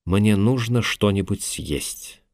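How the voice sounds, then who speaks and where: A man narrating a language lesson in a measured, instructive way, recorded on a close studio mic. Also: on the low side, animated, a little mellow, no echo.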